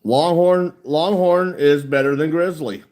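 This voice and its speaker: A man in his 40s from the United States, livestreaming and chatting casually with his viewers. His voice is on the high side, unhurried and a little mellow. He speaks around a lip full of dip, blunt and folksy, and swears plenty.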